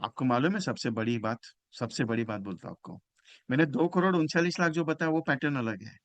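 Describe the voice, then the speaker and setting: A man giving a motivational sales training talk. He is emphatic, jumps from loud bursts to quiet asides, and acts out phone calls with clients. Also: medium pitch, fairly quick, no echo.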